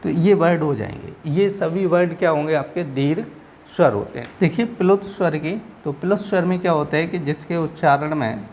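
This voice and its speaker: Gravelly male teacher, patient and repetitive. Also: a little high, moderate pace, a little mellow, a little hiss or hum. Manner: patient, repetitive, checks in with frequent "okay". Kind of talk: explaining exam answers in a lesson.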